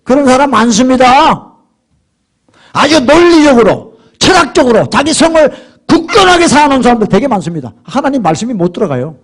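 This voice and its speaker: A middle-aged man preaching a sermon as pastor, swinging from hushed murmurs to loud, emphatic exhortation. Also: extremely high pitch, sing-song, a little fast.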